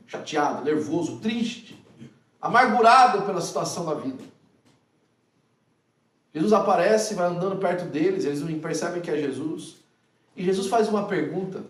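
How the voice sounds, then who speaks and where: A man preaching a sermon, animated and full of rhetorical questions to his listeners. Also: fairly high pitch. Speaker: pastor. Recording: echoey hall, from far off.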